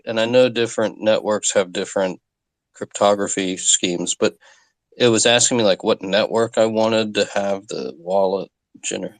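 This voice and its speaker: A man's voice: fairly low pitch, no room sound. A man in a casual online voice chat about crypto, asking questions and restarting his sentences. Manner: questioning, rambling with repeated restarts. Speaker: participant in a crypto community audio space.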